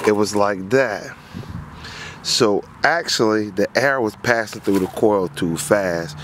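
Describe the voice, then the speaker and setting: Man, fairly low voice, HVAC tech, rambling casual explainer, outdoors, faint traffic behind. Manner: rambling, repeats himself while recounting a job. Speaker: HVAC technician. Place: outdoors on a lawn.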